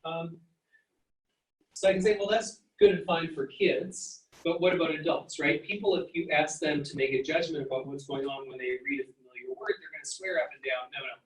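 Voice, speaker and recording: A man's voice: fairly high pitch, steady tone, brisk. Man lecturing in an echoey hall. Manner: explanatory, sounds out words and letters. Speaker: psychology lecturer. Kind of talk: university lecture. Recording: echoey room, mic at a distance.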